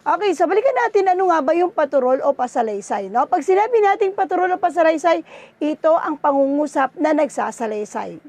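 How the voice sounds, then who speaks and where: High-voiced Filipino woman teaching a class. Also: expressive, a little fast, a little mellow, no echo. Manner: coaxing, checks with "no?" and "okay?". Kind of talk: online class lesson.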